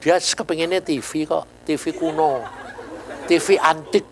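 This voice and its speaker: A man's voice: a little high, unhurried, a little hiss or hum, rough recording. An older man preaching a sermon in with a lilt, telling stories animatedly and often asking the congregation questions. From Indonesia. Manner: animated storytelling, jumps to near-shouts, asks the congregation questions. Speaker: pastor.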